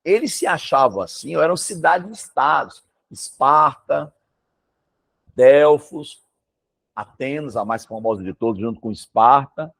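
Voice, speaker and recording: Animated husky Brazilian man teaching. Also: medium pitch, normal speed, hardly any pauses. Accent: Brazilian Portuguese. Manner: emphatic and animated, exclaims and asks rhetorical questions. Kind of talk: casual one-on-one lesson.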